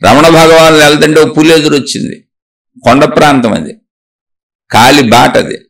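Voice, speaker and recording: A man's voice: a little high, steady tone, normal speed, gravelly, fairly bright tone. A man, a spiritual teacher, giving an earnest spiritual talk, answering viewers' questions and telling a parable, with rhetorical questions along the way.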